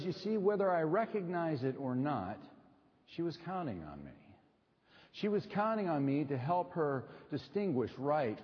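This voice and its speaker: A man in his forties preaching an earnest, conversational sermon at a pulpit microphone in a church sanctuary. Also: medium pitch. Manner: earnest, conversational, with frequent uh fillers. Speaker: pastor. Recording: long church reverb, slightly dull sound.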